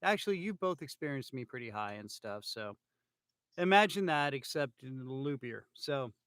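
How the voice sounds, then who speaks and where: Speaking at a moderate pace, this man has a medium-pitched, expressive, somewhat bright voice, captured with studio quality and no echo. He's a podcast host from California chatting casually into an iPhone, rambling through fillers and restarts because the pain pills have left him a bit loopy.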